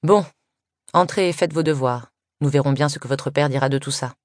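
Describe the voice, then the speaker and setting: A woman's voice: very deep voice, a little fast, no echo, clean studio sound. A woman reading aloud and voicing a strict mother who scolds her daughters in a clipped, reproachful way. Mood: weary firm.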